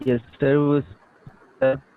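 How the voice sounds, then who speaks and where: Student on a breaking-up call. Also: male voice, mid-range voice, level tone, very slow. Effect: choppy, breaking-up audio from a bad call connection. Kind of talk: online class question. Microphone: video call. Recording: dull lo-fi call audio with faint noise.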